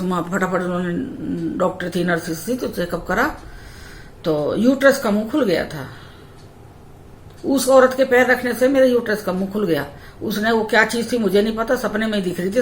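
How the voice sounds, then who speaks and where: A woman vlogger telling her birth story in a lively, repetitive way. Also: mid-range voice. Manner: animated storytelling with many repetitions. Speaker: mom vlogger. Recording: echoey room with faint ambient noise.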